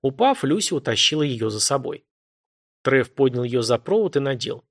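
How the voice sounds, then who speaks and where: A man narrating an audiobook with measured, dramatic storytelling. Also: medium pitch, big pitch swings, no room sound, clean studio sound. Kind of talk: scripted narration.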